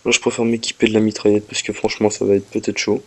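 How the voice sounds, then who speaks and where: A fast-talking man with a fairly low voice and little pitch movement gives casual walkthrough commentary as he plays. He explains every step to viewers and speaks to the game, sounding a little ill and coughing.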